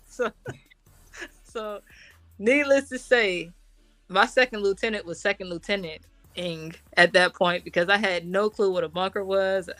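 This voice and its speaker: Being interviewed, a female military officer recounts her own war experiences in a conversational, animated, slang-filled manner, voicing the dialogue herself. Her medium-pitched voice is slightly bright and a little slow, with no echo.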